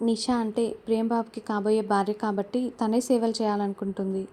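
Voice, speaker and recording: A woman's voice: medium pitch, flat delivery, brisk, warm tone, a little hiss or hum, lightly acted. A woman reading the lines of a soothing middle-aged aunt in a story recap. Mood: calm.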